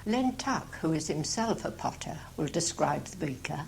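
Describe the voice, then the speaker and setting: A woman's voice: low voice, lively intonation, moderate pace, creaky, poor audio. A woman presents, giving scripted introductions and interview questions. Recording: amateur 1985 tape, faint noise.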